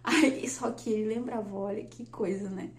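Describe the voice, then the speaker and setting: A woman, telling a personal story on her vlog in a chatty, lively way and laughing often. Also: mid-range voice, normal speed. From Brazil. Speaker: vlogger. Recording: echoey room.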